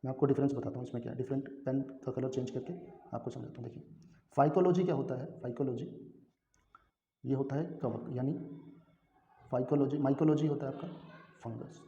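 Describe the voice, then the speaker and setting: Pausing often, this male instructor gives an exam-prep lecture at a slightly fast clip, posing his own questions, answering them, and checking in with students through frequent "theek hai." His mellow voice is medium in pitch, and the lo-fi audio echoes dully around the room.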